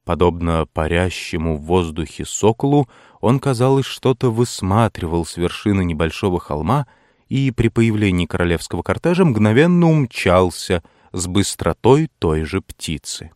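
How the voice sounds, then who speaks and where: A man narrates a novel in a measured, unhurried storytelling voice. His tone sits on the low side. The recording is close and dry, with no room echo. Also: animated, a little mellow. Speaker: audiobook narrator. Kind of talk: scripted literary narration.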